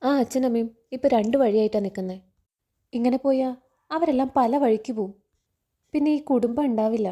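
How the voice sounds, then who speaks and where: A gentle, earnest young woman, read out by a woman in a fairly high, mellow voice. She pleads softly and sincerely. The reading stays close to plain storytelling speech. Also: brisk, long pauses, close to an everyday voice. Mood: earnest, pleading.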